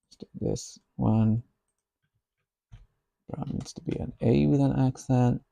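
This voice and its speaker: A man thinking aloud while he codes, musing slowly and half to himself. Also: mid-range voice, steady tone, creaky, warm tone, no room sound. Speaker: software developer.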